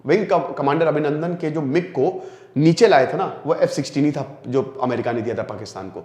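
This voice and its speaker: A man's voice: fairly high pitch, darkish tone, echoey room. A man explaining current affairs in a conversational lecture, often asking rhetorical questions and checking in with his listeners. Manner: conversational, rhetorical questions, frequent "dekhiye" and "theek hai". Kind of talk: explanatory exam-prep lecture.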